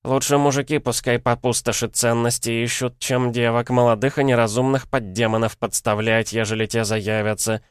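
A man's voice: medium pitch, fairly even intonation, normal speed, few pauses, clear, resonant tone, no echo, studio quality, voice pushed up, lightly acted. A man voicing a blunt, somewhat younger old woman who speaks brusquely and dismissively. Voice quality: not quavering.

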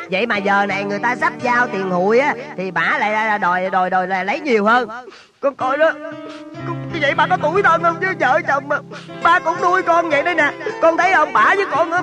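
An actor playing a quick-tempered, bickering middle-aged father in a comic family skit, scolding and exasperated, with music behind. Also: high-pitched, natural voice.

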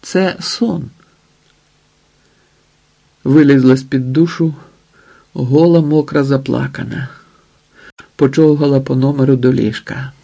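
A man's voice: mid-range voice, steady tone, a little slow, gravelly, long pauses, warm tone, husky. A man reading an audiobook in terse, dramatic phrases. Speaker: audiobook narrator.

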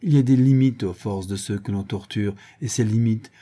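A man narrating a classic novel in a measured, dramatic reading. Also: lowish voice, warm tone. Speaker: audiobook reader. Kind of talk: scripted narration.

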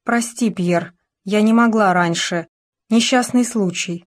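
A young fashion model, shaken and apologetic, her words hurried, as a woman reads her in an audiobook. The voice stays at a middle pitch. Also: close to an everyday voice.

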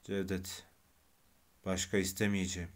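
A man voicing a dying, irritable man with tuberculosis who grumbles bitterly and bursts into shouting. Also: sits low, completely flat delivery, a little slow. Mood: grumbling.

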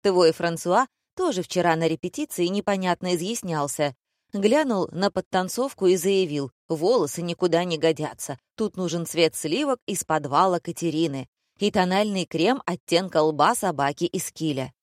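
A woman voicing a gossipy young female friend who speaks wryly, in a low, dry voice. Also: expressive, normal speed, darkish tone, no room sound, natural voice. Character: chatty young woman friend, makeup colleague.

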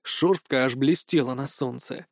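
A man reading a first-person audiobook in a calm, even storytelling manner. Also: mid-range voice, unhurried, vocal fry, no echo, clean studio sound. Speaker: audiobook narrator.

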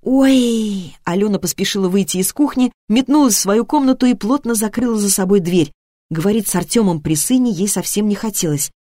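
A woman reading a novel aloud as narrator, with expressive storytelling that shifts tone with the scene. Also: medium pitch, fast, no echo, studio quality. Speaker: audiobook narrator. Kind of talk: scripted narration.

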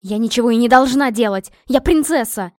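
A woman voicing a spoiled, indignant young princess with a shrill, shouting delivery in an audiobook. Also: animated, moderate pace, no echo, clean studio sound. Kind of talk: audiobook reading.

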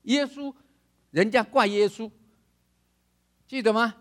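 With a very high-pitched voice and a slow delivery, an older pastor preaches theatrically. He imitates others' voices and laughs and shouts to drive his points home.

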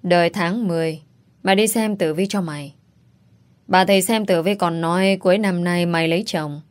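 Woman doing a middle-aged mom, worried, sighing, scolding, storybook audio, lowish voice. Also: steady tone, moderate pace, clear, resonant tone, close to an everyday voice. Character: gossipy, sighing middle-aged mother on the phone.

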